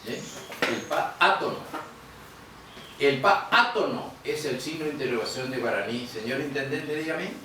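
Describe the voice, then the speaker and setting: A man's voice: medium pitch, lively intonation, bright, forceful tone, a little hiss or hum. Man teaching, echoey far room. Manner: explanatory, quizzes students, repeats words slowly. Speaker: guaraní teacher. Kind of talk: classroom lecture. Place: museum classroom.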